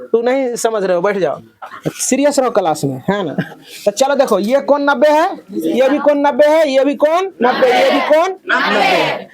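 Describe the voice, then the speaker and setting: Loud, high-voiced male math teacher. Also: lively intonation, normal speed. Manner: loud call-and-response questioning of pupils. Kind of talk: classroom lecture. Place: classroom full of children.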